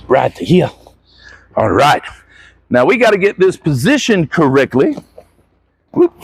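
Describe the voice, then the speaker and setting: Coaching a gymnast hands-on, this man demonstrates as he goes and drops brief, encouraging corrective remarks to the athlete. He speaks on the high side with vocal fry, and there's no room sound.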